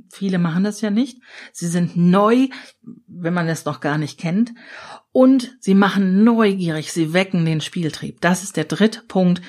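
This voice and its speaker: On her solo podcast, a middle-aged German change consultant uses a medium-pitched voice to explain concepts in an animated coaching manner, speaking directly to whoever is listening.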